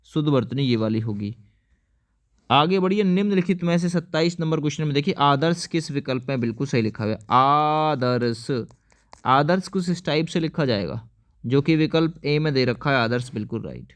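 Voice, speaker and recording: A man's voice: on the high side, clear, resonant tone. A man teaching an exam-prep lesson, explaining each answer step by step and often asking viewers to answer.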